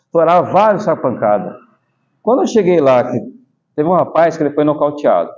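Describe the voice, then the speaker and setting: The recording, slightly dull and lo-fi, captures a middle-aged taekwondo master from Brazil in a relaxed interview. His voice is high-ish and brisk with a Brazilian Portuguese accent, and he tells stories animatedly, explaining patiently and tossing in asides.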